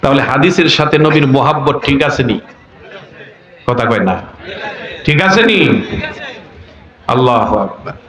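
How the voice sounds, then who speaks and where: A man preaching an impassioned sermon. His drawn-out delivery swells into shouts and chanted lines. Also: mid-range voice, animated, roomy sound, some chatter behind, low-quality recording. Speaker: Islamic preacher.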